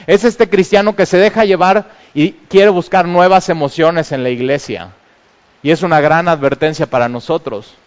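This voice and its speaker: A man preaches a sermon with a high voice. He talks in an urging, animated way and bursts into exclamations when he tells a story. His voice rings through a hall with a long reverb. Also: smooth, dull audio. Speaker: pastor.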